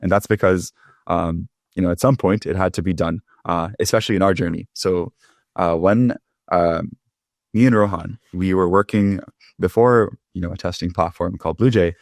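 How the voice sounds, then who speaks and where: A young man from California, a startup founder guest in a casual interview, talking in a relaxed, rambling way with many fillers, calling in from home. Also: deep voice, moderate pace, vocal fry, no echo, studio quality. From California, Bay Area. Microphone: remote call.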